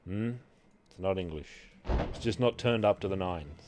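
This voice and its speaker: A man's voice: low-pitched, normal speed, a little mellow, slight background noise. Rambling Australian man streaming a game. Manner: rambling, joking, chatting with viewers. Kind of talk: casual live game stream chat.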